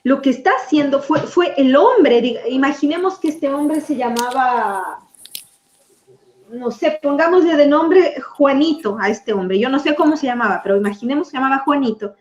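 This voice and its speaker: A woman preacher teaching from the Bible in a lively, conversational way, asking her audience questions. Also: sits high, normal speed, echoey room, a little hiss or hum.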